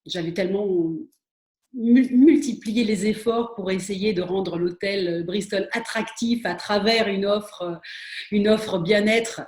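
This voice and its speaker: In an echoey room, a middle-aged spa and wellness expert takes interview questions about her working life, stumbling through hesitations, fillers and restarts. She speaks slowly in a mid-range, darkish voice.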